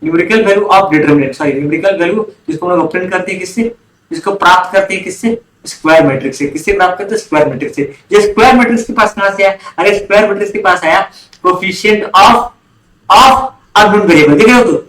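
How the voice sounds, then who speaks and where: A man's voice: high-pitched, quick pace, fairly bright tone, echoey room, low-quality recording. A man teaching an online commerce class, often quizzing students and repeating key terms. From India. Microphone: online class recording.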